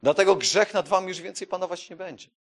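Man, sermon, conversational questions to listeners, loud emphatic bursts, fairly high voice. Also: fast, gravelly. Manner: animated, swings from quiet asides to loud emphatic declarations. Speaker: preacher.

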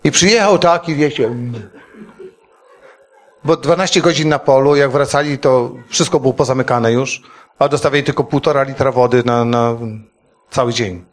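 A middle-aged man preaching, telling an emotional testimony story to a congregation in an animated way. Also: mid-range voice, normal speed. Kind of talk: testimony sermon.

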